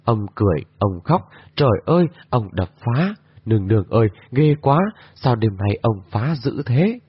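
A man's voice: medium pitch, expressive, normal speed, breathy edge, dry recording. A man reading a storybook voices a devoted young maidservant who pleads anxiously with her mistress. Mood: frightened. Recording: dull lo-fi recording.

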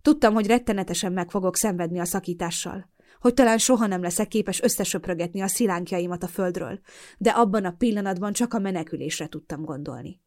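Woman narrating an emotional audiobook. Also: mid-range voice. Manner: expressive, emotional storytelling. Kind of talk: first-person audiobook narration.

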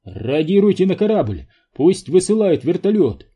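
A man voicing a pushy, panicky male expedition boss who yelps his lines in a high, strained voice. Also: very animated, unhurried, mellow, breathy edge, full character voice. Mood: demanding. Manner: shrill and anxious.

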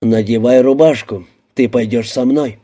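A tough detective firing blunt, menacing questions in a dark, warm, mid-pitched voice, as a male audiobook reader acts him. Threat sits under every line. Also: normal speed, lightly acted. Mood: furious. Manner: blunt, menacing, shouting at times. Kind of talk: audiobook character voicing.

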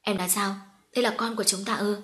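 A woman's voice: mid-range voice, fairly even intonation, fast, fairly bright tone, natural voice. A woman reading the lines of a young man who is shocked and frightened for the woman he loves. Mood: stunned. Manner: alarmed, crying out. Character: young man, startled and distraught lover.

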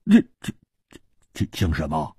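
A man's voice: extremely low pitch, huge pitch swings, normal speed, mellow, husky, no room sound, studio quality, pitched below the performer's own voice, full character voice. A man voicing a boisterous young swordsman who stammers and guffaws.

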